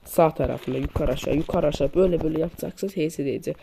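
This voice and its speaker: Talking quickly with vocal fry, this man records a casual mobile shooter tips video over his screen capture, using a poor mic that picks up loud gunfire and clicks. He repeats and demonstrates each tip and keeps calling his viewers friends.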